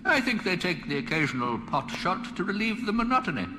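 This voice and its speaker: Dithering old alien in cavernous reverb. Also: male voice, high-pitched, very animated, a little fast, music in the background. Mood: solemn, dithering. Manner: grandiose, lapsing into vague, chatty asides. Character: dithering, mild-mannered ancient male alien planet builder. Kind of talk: radio comedy drama. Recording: cavernous reverb, noisy background.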